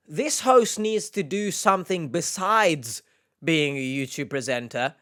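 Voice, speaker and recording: A man's voice: mid-range voice, fairly bright tone. A man casually reading out and answering comments as a YouTube host, with sarcastic, mock-indignant delivery and dry self-deprecation.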